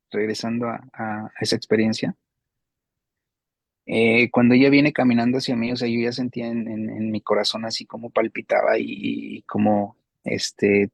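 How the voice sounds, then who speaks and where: A man's voice: on the low side, creaky, dry recording. A man giving a personal faith testimony in an earnest, emotional way, often repeating himself. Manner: earnest, repetitive, emotional retelling.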